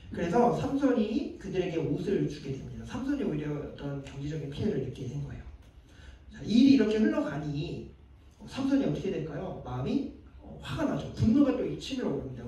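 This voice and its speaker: A man's voice: sits high, dark tone, slight background noise. A male pastor preaching to a young adults group, chatting with the audience, putting questions to them and acting out the lines he quotes. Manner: conversational, quizzes the audience and acts out quoted lines. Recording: echoey room heard from a distance.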